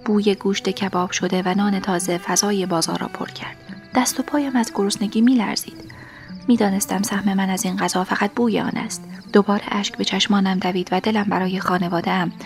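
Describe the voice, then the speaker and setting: A woman narrates a first-person story as an audiobook in a mid-range voice. Her delivery is soft and often drops to a half-whisper.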